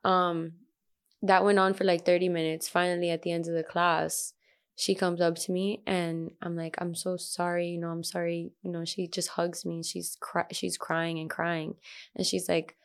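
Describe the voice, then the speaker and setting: A woman's voice: fairly low pitch, little pitch movement, moderate pace, creaky, smooth. A young adult woman, a sound healer guest, telling a story in casual chat, full of fillers and quoted asides.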